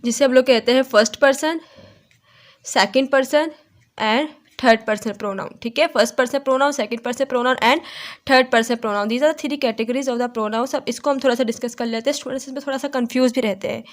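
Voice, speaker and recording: A woman teaching an online grammar lecture to her students, speaking slowly and checking in often with "theek hai". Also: sits high. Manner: slow, explaining with frequent "theek hai" checks. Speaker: English teacher.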